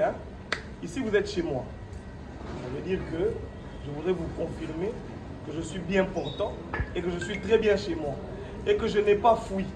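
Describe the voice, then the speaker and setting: A man with a Congolese accent giving an improvised press statement in a defiant, emphatic manner, repeating himself and asking rhetorical questions. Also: sits high. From Democratic Republic of the Congo. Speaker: speaker at his own press conference. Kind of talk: press statement mixing French and Lingala, partly improvised. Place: echoey room at his own premises. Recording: roomy, distant microphone, noisy background.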